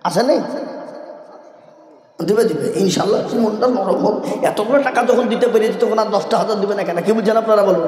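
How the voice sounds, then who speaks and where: A man preaching an Islamic sermon to a crowd, loud and teasing, calling for donations and breaking into sung verse. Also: extremely high pitch. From West Bengal, India. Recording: echoey hall with music from far.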